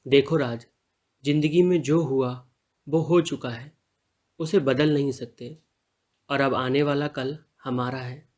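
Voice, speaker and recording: A man's voice: mid-range voice, steady tone, slow pace, pauses often, a little mellow. A man reading the part of a lovestruck young male college student in an audio story, earnest and pleading. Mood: affectionate.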